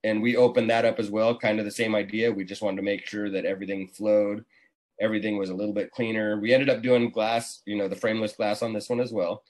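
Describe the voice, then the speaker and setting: Over a video call from a small room, a relaxed forty-something contractor gives a casual interview. His fairly low voice keeps a level tone and a quick pace, captured by a computer mic.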